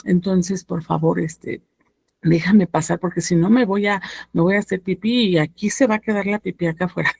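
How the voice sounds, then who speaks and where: Woman playing a wheedling man at the door, insistent, coaxing, gravelly, low. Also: steady tone, moderate pace, darkish tone, no room sound. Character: pleading grown man at the door, wheedling stranger.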